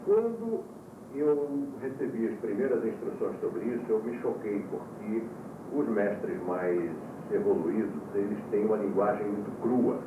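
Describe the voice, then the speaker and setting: Man, yoga teacher, calm explaining lecture, old vhs tape, hissy, tinny. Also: a little slow, reverberant, far from the mic. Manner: explains calmly, pitch jumps up for emphasis. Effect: old VHS tape recording. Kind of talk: lecture to students.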